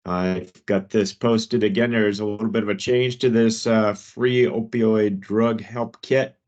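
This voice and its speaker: Man, low voice, work meeting host, informal presenting, video call, dull lo-fi audio. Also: steady tone, a little slow, darkish tone. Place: online meeting.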